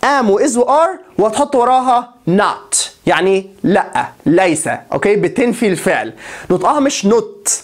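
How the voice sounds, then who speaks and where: An Egyptian man gives a grammar lesson, saying each English example slowly and carefully. Between examples he explains fast in Egyptian Arabic. He keeps checking that his viewers are following. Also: high-pitched, very animated. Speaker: English teacher.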